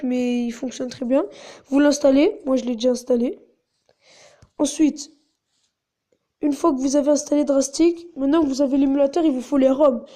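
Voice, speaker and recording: A woman's voice: high voice, warm tone. A woman narrating a casual step-by-step tutorial in a chatty way, with many fillers. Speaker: tutorial host.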